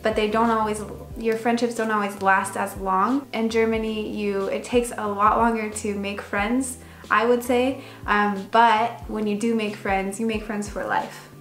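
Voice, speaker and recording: A woman's voice: medium pitch, little pitch movement, unhurried, hardly any pauses. A young American woman hosting a vlog, chatting casually and rambling a little with plenty of fillers. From United States. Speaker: vlog host. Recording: roomy echo, faint music.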